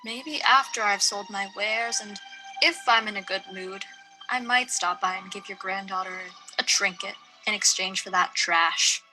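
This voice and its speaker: A woman's voice: mid-range voice, soft background music, low-quality recording. A woman playing a greedy, scornful merchant. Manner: slow, loud and dismissive.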